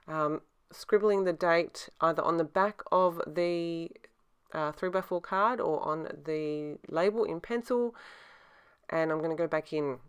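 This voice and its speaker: A woman's voice: sits low, clear, resonant tone. A middle-aged woman with a slight lisp from braces and a sore mouth, giving a casual craft tutorial voice-over. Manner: talks with a sore mouth from newly adjusted braces. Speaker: scrapbooker narrating her process.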